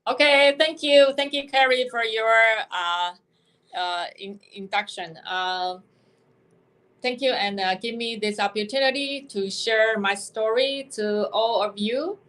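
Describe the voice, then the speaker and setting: A woman's voice: a little high, unhurried, fairly bright tone, low-quality recording. A woman in her fifties from Taiwan with a Taiwanese Mandarin accent, telling her story as a guest on a video call, speaking hesitantly. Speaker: guest entrepreneur. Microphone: webcam on video call.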